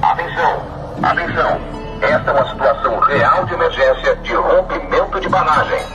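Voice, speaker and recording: A man giving a recorded emergency announcement over an outdoor public loudspeaker, with urgent, repeated commands. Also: on the high side, lively intonation, normal speed, muffled recording. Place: outdoors in a town at night. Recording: distant outdoor loudspeaker under loud music.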